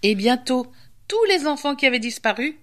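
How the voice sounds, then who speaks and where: A woman storyteller and radio host reading a children's tale aloud with lively, expressive pacing. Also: sits high, moderate pace.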